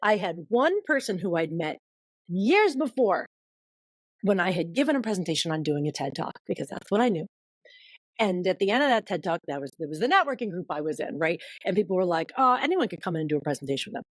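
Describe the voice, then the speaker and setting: A woman guest on a podcast telling a long personal story in casual conversation, acting out quoted voices with big jumps in pitch. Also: big pitch swings, a little fast, no room sound.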